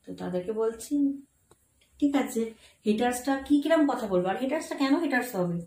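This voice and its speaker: A woman's voice: a little high, lively intonation, fairly quick, dark tone. A young woman, talking to her viewers in a casual phone vlog from home, earnest and a little repetitive. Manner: earnest, speaks straight to viewers, repeats herself. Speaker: vlogger. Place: room at home. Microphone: phone camera. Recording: roomy echo with faint background hiss.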